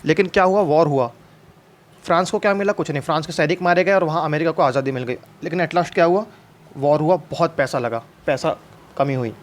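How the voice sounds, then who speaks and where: A man teaching a history lesson in a loose, conversational way, posing questions and answering them himself. His voice sits a little higher than most men's. He restarts words often and slips English terms into his explanations. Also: fairly quick.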